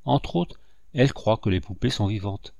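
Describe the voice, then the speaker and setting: A man voicing a gentle, grieving father in a storybook reading, earnest and tender as he lectures his nephew. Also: lowish voice, lively intonation, moderate pace, creaky, dry recording, muffled recording.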